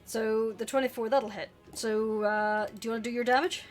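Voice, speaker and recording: Woman game master running a tabletop game, calm, reads rules out, bit higher voice, quiet music behind. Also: normal speed. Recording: faint music underneath.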